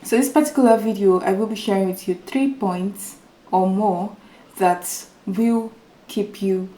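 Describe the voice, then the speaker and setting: A YouTuber with a small, soft, dark and mellow mid-range voice gives a motivational talk to camera, speaking a little slowly. She's earnest and repetitive, circling back over her points and calling her viewers "guys." Her new microphone isn't fully set up, and the room rings with echo.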